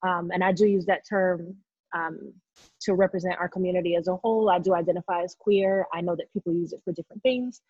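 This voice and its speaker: Husky, outspoken woman in her thirties. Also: fairly low pitch, steady tone, quick pace, dry recording, highs cut off. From New York City. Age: 30s. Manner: loud, outspoken, passionate. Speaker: interview guest. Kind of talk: casual interview talk.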